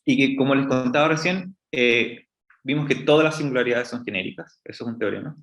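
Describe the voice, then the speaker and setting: A man's voice: mid-range voice, brisk, a bit bright. Man lecturing in an echoey room. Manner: explanatory, many restarts and "entonces, bueno". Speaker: astrophysicist giving a public science talk. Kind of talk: public lecture.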